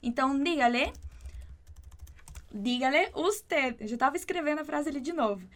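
A high-voiced woman teaches an online Spanish lesson. She explains patiently and repeats each word slowly and clearly. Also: animated.

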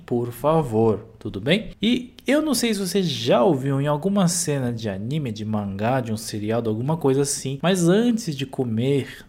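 A man's voice: medium pitch, darkish tone. A man explaining Japanese phrases patiently, often checking that the listener follows. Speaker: Japanese teacher. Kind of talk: language lesson explanation.

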